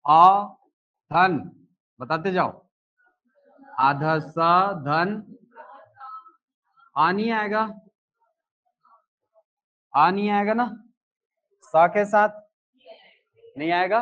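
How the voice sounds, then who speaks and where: A man's voice: high-pitched, highs cut off. A male teacher giving a live classroom lesson, explaining step by step and asking questions, then answering them himself. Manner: explains slowly, asks and answers his own questions.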